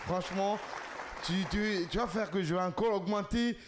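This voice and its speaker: A man's voice: sits high, normal speed, a faint crowd, slight background noise. A man hosting a studio talk show, interviewing a guest in a jovial way with many hesitant fillers. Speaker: TV show host.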